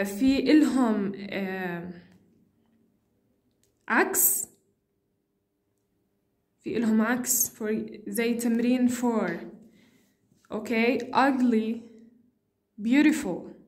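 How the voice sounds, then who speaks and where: A woman teacher reviewing for an exam, speaking slow, repetitive English and switching to quick asides. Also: a little high, a little mellow.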